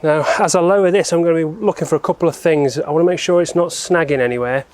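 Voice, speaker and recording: A man's voice: on the high side, fast, a little mellow. A man presenting a car repair vlog, explaining each step informally as he works. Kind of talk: casual hands-on how-to narration.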